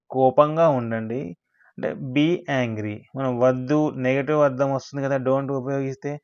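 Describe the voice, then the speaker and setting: A man teaching English words in a slow vocabulary lesson, repeating each word and its meaning. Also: mid-range voice, highs cut off.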